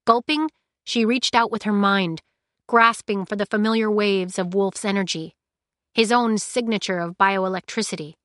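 Audiobook narrator: woman, medium pitch, measured and steady, dead-dry booth sound. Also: dry recording.

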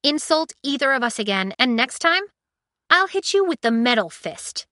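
A woman voicing a defiant young cyborg mechanic, speaking loudly and fiercely. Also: medium pitch, expressive, a little slow, dry recording, clean studio sound. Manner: intense, raised, indignant delivery.

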